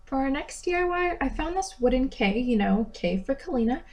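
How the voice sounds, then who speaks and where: A young woman talks through a craft tutorial in a bright, chatty voice-over. Her voice sits a little high, and she drops in playful self-deprecating asides between steps. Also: animated, brisk, faint music behind. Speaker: DIY vlogger.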